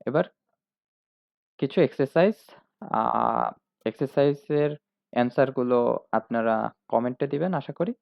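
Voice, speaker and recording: Gravelly Bengali-speaking man teaching German. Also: mid-range voice, no echo, dull audio. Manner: spells each letter, then says the sample word slowly; hesitant, frequent "ah" fillers. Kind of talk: lesson.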